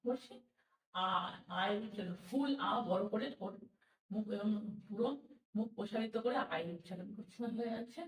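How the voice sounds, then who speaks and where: A Bengali-speaking woman teaching English pronunciation, slowly repeating each sound and example word. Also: medium pitch, darkish tone, far from the mic. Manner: slow, patient, repeats sounds and example words. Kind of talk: spoken language lesson. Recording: roomy echo from away from the mic.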